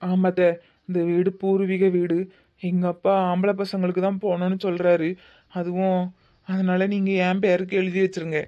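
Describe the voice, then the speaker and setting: A man's voice: sits high, completely flat delivery, moderate pace, mellow, highs cut off, natural voice. A man voicing a sincere young son-in-law with a Tirunelveli Tamil accent, speaking steadily and earnestly. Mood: insistent. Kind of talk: cartoon comedy voice acting.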